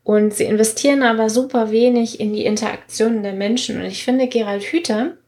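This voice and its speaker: A woman's voice: a little high, steady tone, a little fast, a little mellow. A woman co-hosting a podcast, explaining in an earnest, chatty way with frequent fillers. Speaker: podcast co-host. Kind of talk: casual podcast talk.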